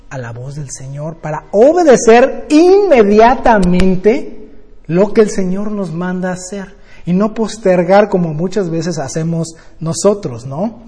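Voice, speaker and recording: An older man with a high voice and a husky edge leads a Bible study sermon. He tells stories in a lively way and keeps checking in with his listeners through tag questions. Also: in a large hall. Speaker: Bible teacher.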